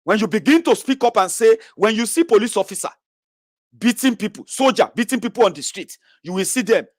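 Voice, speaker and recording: A man's voice: sits high, animated, brisk, dry recording, studio quality. A man with a Nigerian accent giving impassioned, sermon-like political commentary, scolding and lecturing with rhetorical questions.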